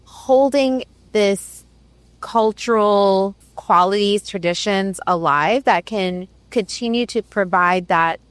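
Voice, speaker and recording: Speaking slowly in a clear, resonant, medium-pitched voice, a female podcast host raised in the Middle East ponders ideas in a reflective conversation. She leans often on "right" and "like," and the recording is dry.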